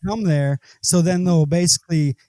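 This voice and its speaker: A man hosting a podcast, talking in a relaxed, hesitant way with fillers. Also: on the high side, moderate pace, smooth, no echo. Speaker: podcast host. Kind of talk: casual conversation.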